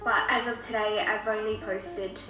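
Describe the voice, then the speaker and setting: A woman's voice: medium pitch, little pitch movement, moderate pace, music in the background. A woman, answering interview questions candidly in an older clip played back. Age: 20s. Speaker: vlogger. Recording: old clip played from a laptop, distant and roomy.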